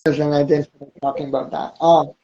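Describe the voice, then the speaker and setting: A man's voice: fairly high pitch, little pitch movement, a little fast, dark tone, muffled recording. A man from Burma in a casual chat, speaking hesitantly and thoughtfully with many fillers. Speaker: guest.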